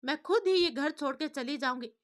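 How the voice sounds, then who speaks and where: A woman putting on a shrill, spiteful aunt. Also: fairly quick, close to an everyday voice. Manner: shrill, scolding.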